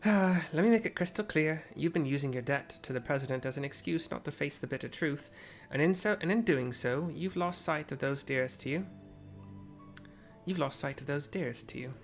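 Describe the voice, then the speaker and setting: A man voicing a fierce young woman fighter in a game, putting on an attempted Irish accent and speaking loudly and passionately. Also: normal speed, vocal fry, soft background music. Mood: scolding. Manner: impassioned, loud, raised pitch. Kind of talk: reading game dialogue aloud.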